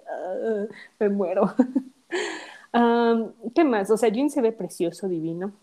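A woman's voice: mid-range voice, mellow. A young woman, chatting casually as a podcast co-host, gushing and giggling as a fan. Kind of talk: casual chat.

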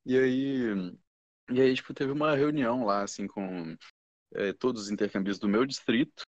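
A young Brazilian man chats casually as a podcast guest, rambling through his stories with plenty of slang fillers. His voice sits at a middle pitch and is recorded close and dry, with a dull, muffled tone. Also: normal speed, no echo. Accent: Brazilian Portuguese. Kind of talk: casual chat.

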